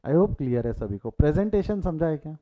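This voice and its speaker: A man's voice: a little high, lively intonation, moderate pace. A man teaching accounting in a live online class, repeating key figures and urging students to answer in the chat. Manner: mixes English terms, repeats key figures, urges students to reply in chat. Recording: tinny phone-like audio.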